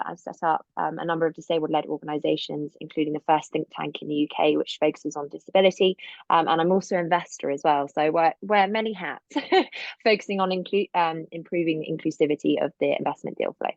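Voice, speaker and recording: A woman's voice: low voice, steady tone, fast talker, creaky, dry recording. A woman with a Southern English, home counties accent introducing herself conversationally as a panelist on an online call. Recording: dull, lo-fi webinar audio.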